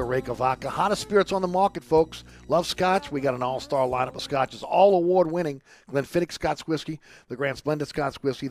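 A man's voice: medium pitch, a little mellow. A man hosting a radio show, moving between sponsor reads and casual interview talk.

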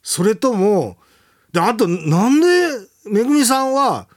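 A man's voice: sits high, lively intonation, measured pace. A male radio host chatting casually and reading listener mail, telling stories animatedly and chuckling often.

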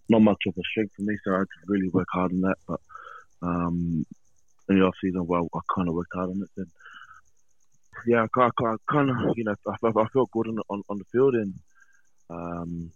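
Low-voiced Australian man on a muffled phone. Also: no echo. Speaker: rugby league player. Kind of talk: casual radio interview. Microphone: phone call.

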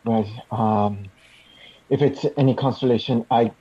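A young man talks as a player in an online tabletop game, hesitating and filling pauses. His voice is mellow and a little husky. A dull, lo-fi mic muffles the sound. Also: mid-range voice, fairly even intonation. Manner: hesitant, filler-heavy. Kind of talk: casual tabletop game chat over voice call.

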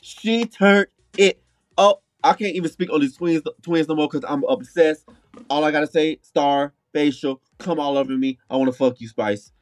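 A man's voice: a little high, normal speed. A man co-hosting a podcast with casual, sassy drag queen banter, profane and campy, leaning hard on key words. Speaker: podcast co-host. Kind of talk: casual reality-show review banter.

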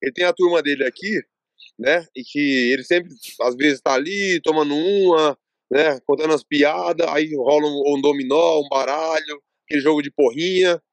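A man from Brazil chats as a podcast guest, his voice sitting a little high for a man. He rambles through stories and voices the back-and-forth of each exchange. The recording is dry and close, with no room sound. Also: moderate pace, dry recording. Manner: rambling storytelling, acts out quoted dialogue. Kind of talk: casual interview chat.

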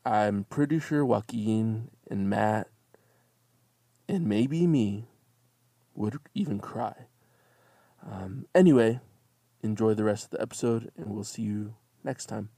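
A man's voice: lowish voice, slow, gravelly, pauses often, warm tone, no room sound, studio quality. A man talking casually to listeners as host of the podcast, friendly and a little rambling.

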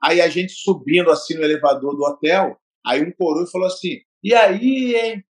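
A man's voice: fairly high pitch, fairly quick. A middle-aged man from Brazil with a Brazilian Portuguese accent, telling stories in a casual chat and acting out the dialogue. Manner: storytelling, emphatic, acts out dialogue. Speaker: gym owner and martial arts coach.

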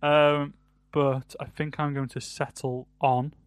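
A man's voice: fairly high pitch, flat delivery, takes it slowly, clear, resonant tone, no echo. Young British man who says th as f. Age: early 20s. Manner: th-fronting, says th as f; hesitant, self-correcting. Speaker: podcast co-host. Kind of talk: casual album review chat.

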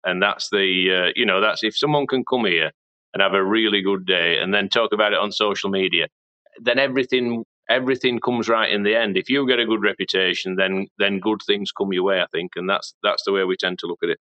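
Farmer guy chatting, lowish voice but bright and forceful, dull lo-fi sound. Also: a little fast. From Barnsley, England. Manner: chatty, repeats words when starting. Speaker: farmer and business owner. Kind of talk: casual interview chat.

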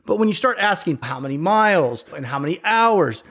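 Animated man telling stories in casual chat. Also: high-pitched, brisk. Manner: animated storytelling, acts out other people's reactions, swears casually.

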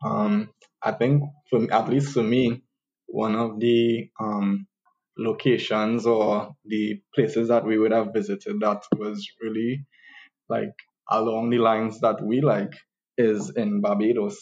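A man from Trinidad with a Trinidadian accent, a podcast guest chatting casually and relaxed. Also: fairly low pitch, slow. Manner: relaxed, many "like" fillers. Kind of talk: casual interview chat. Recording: dull lo-fi call audio.

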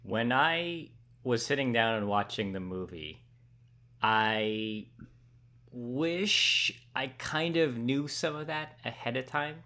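A man's voice: medium pitch, animated, takes it slowly, pushed and bright. A man co-hosting a podcast, giving a casual film review in a thoughtful way and often restarting his sentences. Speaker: podcast co-host.

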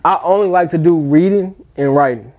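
A man's voice: a little high, moderate pace, a little mellow. A man in his twenties from the United States chatting casually, slangy, profane, emphatic and repetitive. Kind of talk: casual profane group chat.

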